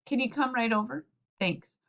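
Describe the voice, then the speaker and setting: A woman's voice: fairly high pitch, moderate pace, gravelly, fairly bright tone. A woman voicing a flustered middle-aged uncle in a storybook who keeps phoning for help, sheepish and hesitant, full of "uh"s, on a slightly dull lo-fi recording. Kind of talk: storybook read-aloud.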